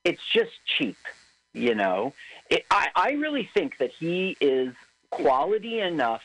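A man's voice: on the high side, sing-song, unhurried, fairly bright tone, poor audio. A man co-hosting a casual film commentary, talking in an opinionated, analytical way.

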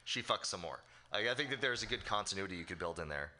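A man's voice: low-pitched, lively intonation, fast, pushed and bright. A man giving crude, joking feedback on a comedy set. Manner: joking, crude, bluntly critiquing. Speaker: fellow comic giving feedback. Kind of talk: crude casual feedback chat.

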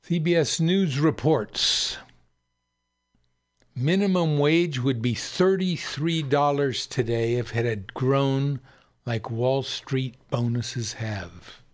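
A man hosting a radio show, reading aloud and commenting in a deliberate, emphatic way. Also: mid-range voice. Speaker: radio host.

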